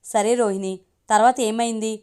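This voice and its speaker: A woman reading the lines of a kindly middle-aged aunt in a storybook reading, gently coaxing and questioning. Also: on the high side, steady tone, moderate pace, smooth, close to an everyday voice. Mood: gentle.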